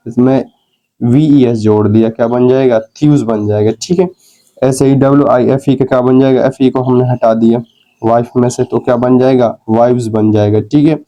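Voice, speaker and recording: A male English teacher with a mellow mid-range voice patiently explains grammar rules on a rough recording. He keeps checking in with his students by repeating "ठीक है" and poses questions that he then answers himself.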